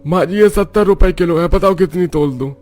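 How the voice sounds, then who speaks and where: A man doing a loud street vegetable seller. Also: high-pitched, a little fast, soft background music, pitched above the performer's own voice, close to an everyday voice. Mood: eager. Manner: eager salesman calling out prices. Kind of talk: storybook narration.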